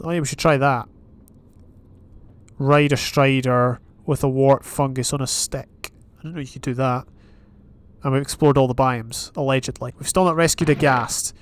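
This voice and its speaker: Medium-pitched and chatty, this Scottish man is a gaming YouTuber playing Minecraft in a casual let's play. He thinks aloud and reads out advancements while playing.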